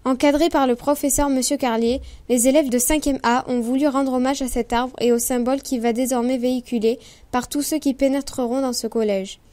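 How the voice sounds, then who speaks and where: A woman's voice: sits high, fairly even intonation, a little fast, dark tone. A woman reporter narrating a scripted report for an amateur school news programme.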